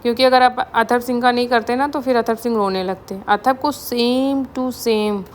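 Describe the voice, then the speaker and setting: A woman's voice: on the high side, steady tone, normal speed, slight background noise. A woman from India narrating her family vlog in a chatty, storytelling voice-over, mixing English words into her talk. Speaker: family vlogger.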